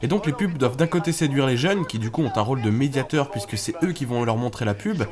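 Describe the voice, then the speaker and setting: A man's voice: mid-range voice, animated, quick pace, a crowd in the background. A man co-hosting a comedy web show, giving casual, informative commentary in colloquial language. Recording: music clearly behind.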